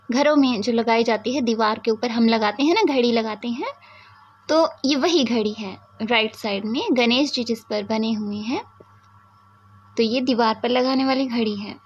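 A woman teaching the English alphabet to children, asking questions and prompting answers in drawn-out, deliberate speech. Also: fairly high pitch, breathy edge. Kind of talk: slow alphabet lesson for children.

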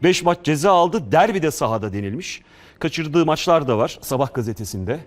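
A man's voice: on the high side, lively intonation, moderate pace. Male sports news presenter. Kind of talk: live sports news presenting, reading press reports.

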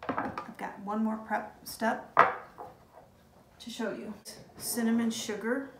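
A woman with a mid-range voice chats warmly to "you guys" while showing each step of a casual home baking demo in her kitchen, encouraging viewers along the way. The room echoes, and heavy background noise fills the recording.

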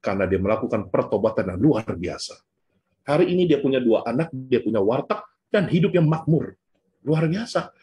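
A man giving a storytelling faith talk to a church youth group, casual and animated, mixing slang into his preaching. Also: fairly high pitch. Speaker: guest speaker at a church youth session.

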